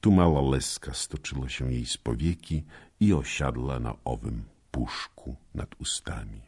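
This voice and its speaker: Male audiobook narrator, very deep voice, gravelly and husky, slow, lively intonation. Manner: measured, expressive storytelling. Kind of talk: scripted narration of a historical novel.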